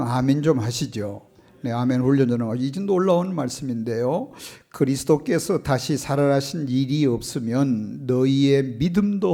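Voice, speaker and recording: A man preaching a sermon as pastor, rising to loud, urgent appeals and dropping to quiet asides, often asking the congregation questions. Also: mid-range voice, creaky. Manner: swings from loud impassioned preaching to soft hushed asides.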